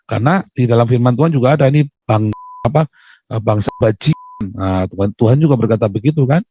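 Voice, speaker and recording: A man hosting a live call-in show, talking forcefully and animatedly and often cutting across his caller. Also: mid-range voice, fast, husky, dry recording. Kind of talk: casual live talk.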